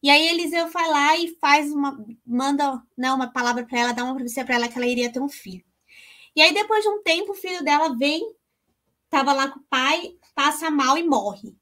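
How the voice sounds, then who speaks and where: A woman's voice: sits high, a little fast, pushed and bright. A woman talking casually about a Bible story and her own life, chatty and emotional, calling her listeners "gente". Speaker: co-host.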